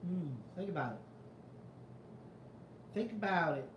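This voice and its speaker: His voice sits high and animated, his pace measured, as a show host from the New York area reads live chat. The sound is reverberant with highs cut off and slight background noise, and his intermittent New York Italian-American accent accompanies a rambling, skeptical, freely profane style.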